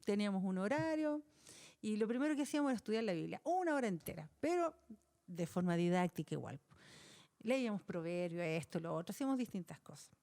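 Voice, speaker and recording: A middle-aged woman with a Chilean accent recounts a personal testimony as a podcast guest. Her voice is mellow and warm, and her pitch swings widely as she talks. She speaks in a loose, colloquial way and laughs along with her own story. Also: fast talker, vocal fry. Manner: animated, colloquial, laughs while telling.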